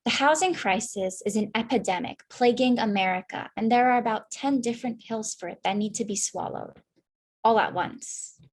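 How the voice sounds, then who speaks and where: A woman's voice: on the high side, moderate pace. A young woman playing a news anchor in a staged newscast, formal delivery.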